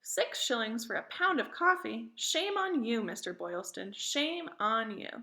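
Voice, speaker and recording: A bold colonial woman activist scolds a merchant, read by a woman in a classroom play. Her voice is bright and fairly high, firm in every word. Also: lively intonation, unhurried, heavily acted. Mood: stern.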